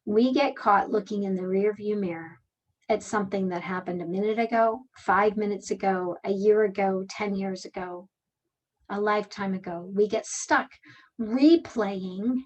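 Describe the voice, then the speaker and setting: A woman giving a calm motivational presentation, speaking gently and reflectively with slow phrasing and pauses. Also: medium pitch, lo-fi sound. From Canada. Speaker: speaker and workshop leader.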